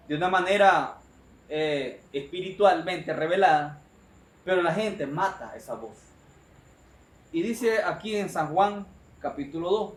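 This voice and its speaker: A male preacher delivering an emphatic, repetitive sermon and often addressing his listeners as brother. His voice sits high, and it rings through an echoey room.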